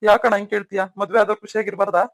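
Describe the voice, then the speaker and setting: A man's voice: high-pitched, flat delivery, very fast, fairly bright tone, dry recording. A man voicing an earnest young married man who pleads with his elder brother in a cartoon story. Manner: pleading, emotional.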